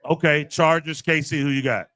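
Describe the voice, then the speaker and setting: Bright-voiced man hosting a casual chat. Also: fairly high pitch, no echo. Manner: relaxed banter, running through picks with quick questions. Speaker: podcast host.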